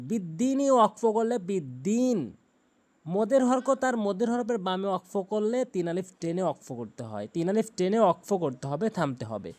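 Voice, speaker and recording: A man with a Bangladeshi Bengali accent teaching Quran recitation, explaining pronunciation rules and chanting verses slowly and melodically. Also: sits high, darkish tone. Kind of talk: tajweed lesson with recitation.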